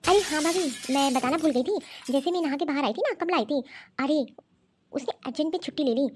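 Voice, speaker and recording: A woman voicing a scheming, bossy young sister-in-law in an animated cartoon story, coaxing and ordering others about. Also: sits high, fairly quick, background noise, close to an everyday voice.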